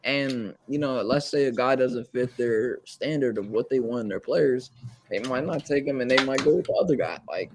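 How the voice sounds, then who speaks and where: Excitable guy on a noisy call. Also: medium pitch, normal speed. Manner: excitable, says "bro" a lot. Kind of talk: casual sports chat.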